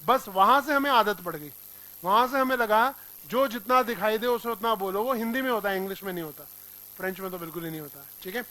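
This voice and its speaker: Male English teacher, high and sharp, drilling the class on pronunciation. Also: quick pace, low-quality recording. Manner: drills pronunciation, quizzing students with repeated questions. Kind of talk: classroom vocabulary lesson.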